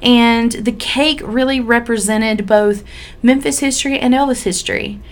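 A woman's voice: a little high, steady tone, moderate pace. A woman hosting a podcast in a casual, folksy, chatty way, sounding a little sick with a cold. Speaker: podcast host.

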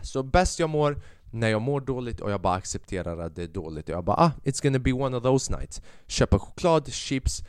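Man, young, podcast monologue, animated, lots of swearing, resonant voice, dry sound. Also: mid-range voice, clear, resonant tone, no echo. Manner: animated, swears a lot, mixes in English phrases. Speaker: podcast host. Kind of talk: casual solo podcast monologue.

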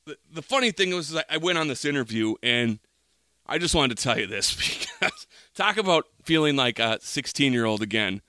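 Bright-voiced man ranting. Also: on the high side, big pitch swings, brisk, clean tone, no echo, clean studio sound. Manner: rambling, profane, exaggerated rants. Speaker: podcast co-host. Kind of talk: casual chat, storytelling.

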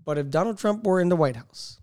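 A man's voice: high-pitched, brisk, no echo, studio quality. A man with a Miami accent co-hosting a podcast, talking in a heated, casual way with lots of slang. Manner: animated, heated, talks in bro slang. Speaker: podcast co-host. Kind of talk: casual chat.

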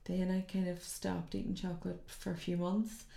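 A woman with a Northern Irish accent and a gravelly voice, candidly telling personal stories in casual conversation and acting out what people said. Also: fairly low pitch, moderate pace. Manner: animated retelling with acted-out quotes. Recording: roomy, echoing sound.

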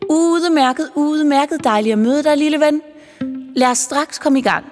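A stout little elf schoolmistress from a Christmas storybook, brisk, formal and cheerfully bossy, as a woman reading aloud puts her on. Her voice sits a touch higher than an ordinary speaking voice. The reading has a long reverb and soft music underneath. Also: close to an everyday voice.

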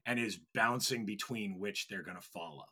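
A man's voice: lowish voice, normal speed, pushed and bright. A man on a podcast panel, talking things through in a thoughtful, reflective way. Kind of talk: casual panel chat.

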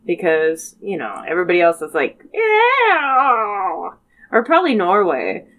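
A woman's voice: on the low side, very animated, brisk. A woman from the United States in a casual brainstorming chat, rambling with lots of fillers and frequent giggles.

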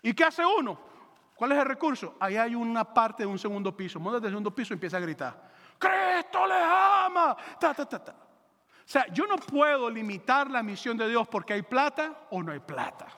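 A man preaching a sermon as pastor, animated and joking, acting out quick voices for biblical characters. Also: very high voice, big-room sound.

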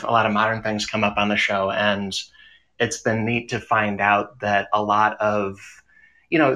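A man whose fairly low voice is bright and forward speaks as a guest in a casual panel discussion on podcasting. He is enthusiastic and conversational, often halting and repeating small words.

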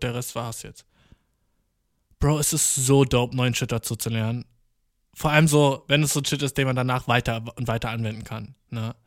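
A young man doing a rambling comedic monologue, full of swearing and English slang, jumping from mumbled asides to excited outbursts. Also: medium pitch, no room sound, clean studio sound. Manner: slangy, profane, mixing English words into German; jumps from deadpan mutters to excited outbursts.

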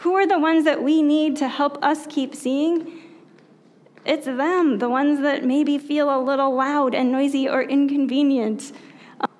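A woman pastor giving a conversational sermon, reflective and unhurried, who often asks her listeners rhetorical questions and pauses with soft fillers. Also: high voice, fairly even intonation.

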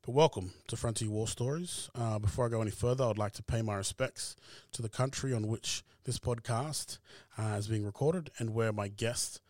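A man hosting a podcast interview, talking in a relaxed way with many "uh" fillers. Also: fairly low pitch, normal speed, no echo. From Australia. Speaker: podcast host. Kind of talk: casual interview chat.

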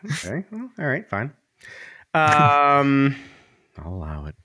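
A man's voice: fairly high pitch, wildly swooping pitch, takes it slowly, pushed and bright, no echo, clean studio sound. A man co-hosting a podcast, teasing and tossing out playful what-if questions in casual chat. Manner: teasing, jokey, asks playful hypotheticals. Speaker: podcast co-host.

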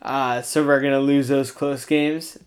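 A man's voice: mid-range voice, level tone, unhurried, clean tone. A young man co-hosting a podcast, chatting casually late at night and laughing easily. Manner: chuckling, easygoing. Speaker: podcast co-host.

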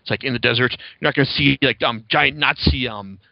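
A man's voice: mid-range voice, brisk, vocal fry, dry recording. A man hosting a podcast, chatting casually and reviewing with rambling, profane enthusiasm. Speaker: podcast host. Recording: slightly dull lo-fi sound.

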